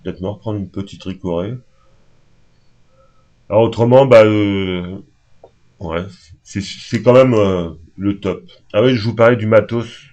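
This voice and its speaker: A fairly low-voiced man rambles to camera, unscripted and hesitant, filling pauses as he goes. He sounds only just awake, with a dark, mellow tone. The home recording is dull and lo-fi. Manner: rambling, hesitant, many fillers. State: just woken up. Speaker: vlogger. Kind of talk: unscripted casual talk to camera.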